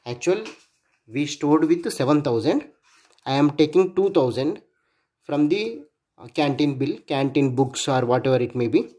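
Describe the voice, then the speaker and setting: A man's warm, fairly high voice with lively intonation carries his narration of an electronics project demo at an indoor workbench. He muses aloud haltingly and spells out digits and letters as he proceeds.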